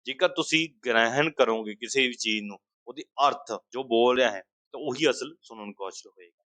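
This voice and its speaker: At a mid pitch and a moderate pace, a man teaches an exam-prep language lesson, working through everyday examples and posing questions he then answers himself. His voice is a bit bright, and the sound is dry and close with no room echo.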